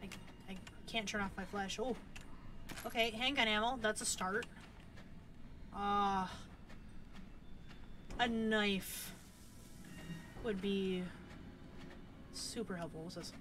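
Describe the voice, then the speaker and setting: A woman's voice: medium pitch, steady tone, slow pace, long pauses, background noise. A woman streaming a horror game, talking to the screen in a jittery way and yelping and repeating words in panic. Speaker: gaming streamer. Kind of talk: horror gameplay commentary.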